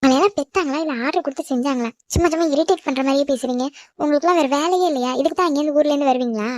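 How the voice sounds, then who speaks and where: A woman voicing a feisty, quick-tongued schoolgirl in a cartoon who protests and talks back. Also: high-pitched, darkish tone, no echo, studio quality, natural voice. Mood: protesting. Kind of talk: cartoon voice acting.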